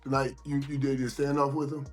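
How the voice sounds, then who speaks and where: A man with a husky voice chatting casually as a panelist on a talk show. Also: medium pitch, completely flat delivery, fast talker, faint music behind. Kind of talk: casual chat.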